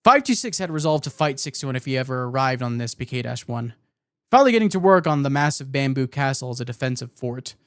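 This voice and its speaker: With lively intonation and a fast pace, a man relates lore live on stream, his delivery hesitant and self-correcting, with casual asides mixed in. His voice is mid-range, and the studio-quality recording has no room sound.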